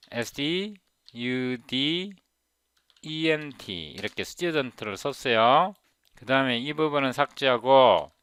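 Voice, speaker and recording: A man in his fifties explaining English pronunciation in a casual tutorial, repeating words slowly to show how they sound. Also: medium pitch, pushed and bright, smooth, dry recording. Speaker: software developer teaching English pronunciation. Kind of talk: casual screen-recorded tutorial.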